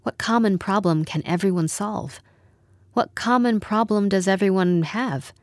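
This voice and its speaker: A woman narrating a literary story in a measured, wry storytelling manner. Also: mid-range voice, dry recording, studio quality. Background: music.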